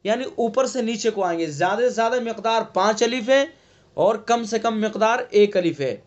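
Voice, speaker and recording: A man teaching an online Quran recitation class, patiently explaining how each letter is sounded and chanting verses slowly with long drawn vowels. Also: high voice, animated, muffled recording. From India. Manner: patient step-by-step explaining, checks "ٹھیک ہے؟".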